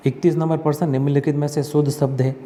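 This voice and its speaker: A man teaching an exam-prep spelling lesson, asking and answering his own questions and repeating words slowly. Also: a little high, level tone, dark tone, long reverb tail, a little hiss or hum.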